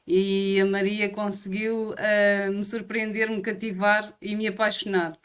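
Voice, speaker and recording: Smooth, level-toned Portuguese woman. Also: medium pitch, flat delivery, unhurried. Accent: European Portuguese. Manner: hesitant, many filler sounds. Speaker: psychologist co-host. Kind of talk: warm-up remarks on a talk show.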